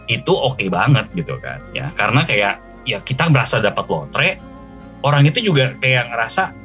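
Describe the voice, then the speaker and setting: A man's voice: mid-range voice, very animated, normal speed, pushed and bright, faint music behind. A young man, a guest speaker, giving advice in a casual podcast chat and often acting out quoted thoughts.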